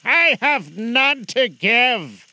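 A man voicing the mournful, chained ghost of a dead old businessman, speaking in a solemn, slow lament. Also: very high voice, big pitch swings, bright, forceful tone, dry recording, pitched above the performer's own voice, full character voice.

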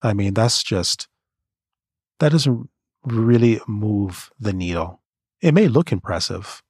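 A man from Canada, giving creative career advice in an earnest, measured motivational monologue. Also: on the low side, expressive, a little mellow, husky, dry recording, studio quality.

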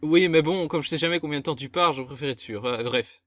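A man's voice: fairly high pitch, fast, no echo. A man hosting a gaming podcast, chatting casually and teasing his co-hosts with exasperated banter. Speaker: podcast host. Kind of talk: casual chat.

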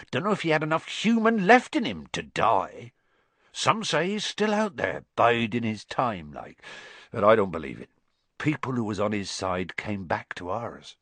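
A man voicing a huge, kindly, bearded giant who talks roughly with dropped grammar, read as an audiobook character. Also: on the low side, pushed and bright, no room sound, heavily acted.

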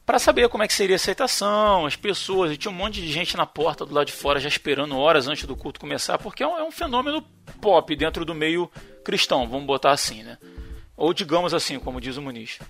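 Bright, gravelly man in podcast chat. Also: on the high side, expressive, fast, faint music behind. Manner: conversational, relays what he read. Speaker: podcast co-host. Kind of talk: casual discussion.

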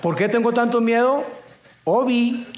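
A sarcastic teenage boy whines and rolls his eyes, as a man puts him on. His voice is high and exaggerated, and it rings in a roomy space. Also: measured pace, noisy background. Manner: mocking, exaggerated. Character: sarcastic teenage boy, eye-rolling and whiny.

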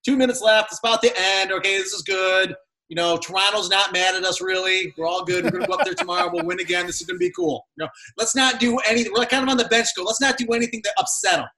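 A man's voice: high voice, fast, bright, forceful tone, a little hiss or hum, poor audio. A man, a former player, casually telling stories and laughing as he goes. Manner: chatty, laughing, lots of "right?". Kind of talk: casual storytelling.

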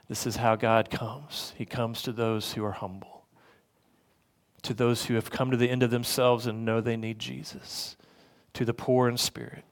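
A male pastor, preaching a sermon in an earnest, conversational way, often repeating his words as he goes. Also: mid-range voice. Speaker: lead pastor.

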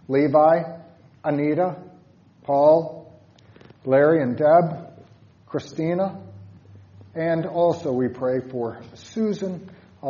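A man leading congregational prayer as a pastor, solemnly, in measured phrases with pauses. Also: on the high side, highs cut off.

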